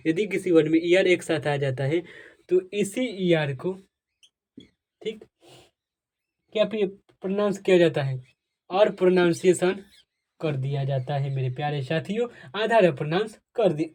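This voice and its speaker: Teaching English pronunciation rules in Hindi, a high-voiced man talks at normal speed in a slightly mellow way. He asks and answers his own questions, repeats points, addresses viewers as dear friends, and asks for comments.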